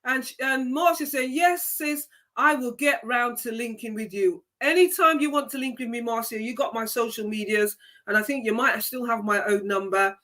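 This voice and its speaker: A high-pitched, bright woman hosts a live-stream motivational show, reading out comments from viewers. Her delivery is forceful and sermon-like, with key phrases said again and again.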